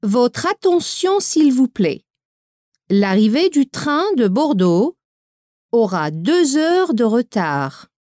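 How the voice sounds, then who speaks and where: A woman playing a train station announcer who makes a formal announcement over the station loudspeaker, heard from a distance. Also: a little high, sing-song, no echo, studio quality. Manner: formal public announcement, clear and measured. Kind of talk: scripted listening-exam recording.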